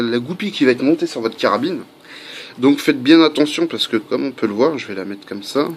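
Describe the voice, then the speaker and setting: A man giving a casual how-to video at home, chatty and full of fillers, with faint construction noise behind him. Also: medium pitch. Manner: chatty, many fillers and asides. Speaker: airgun hobbyist demonstrating a part swap.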